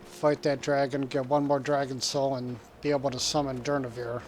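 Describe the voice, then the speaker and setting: A man's voice: mid-range voice, level tone, moderate pace, a little mellow, slight background noise. Casual American man streaming a game. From United States. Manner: rambling, chuckling, reads chat aloud. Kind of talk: casual live-stream chat while gaming.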